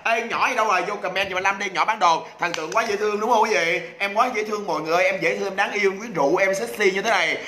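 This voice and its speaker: Male livestream seller, quick high patter, playful and loud, echoey home room. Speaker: livestream host selling products. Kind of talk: rapid comic livestream patter. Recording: echoey room with faint noise.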